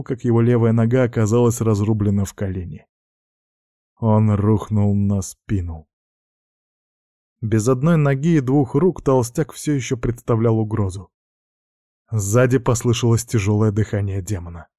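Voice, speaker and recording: A man narrating fantasy fiction as an audiobook in a steady, even storytelling voice. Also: on the low side, moderate pace, no echo, studio quality. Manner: steady, even storytelling with dramatic sound words.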